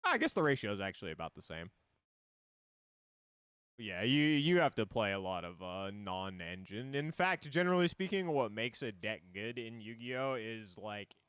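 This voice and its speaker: A man's voice: on the low side, fairly bright tone, clear, resonant tone, dry recording. A man streaming a card game, explaining it in loose, rambling casual talk full of fillers.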